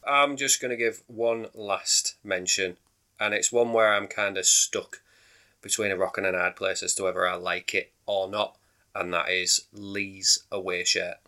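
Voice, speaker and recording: Brisk podcast co-host. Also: male voice, low-pitched, fairly even intonation, pushed and bright. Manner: chatty, laughs readily, trails off mid-sentence. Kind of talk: casual chat.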